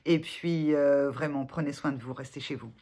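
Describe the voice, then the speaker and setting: A woman therapist giving gentle self-help advice to viewers in a vlog, speaking haltingly with many filler sounds and restarts. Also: low voice, steady tone. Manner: gentle, reassuring address to viewers.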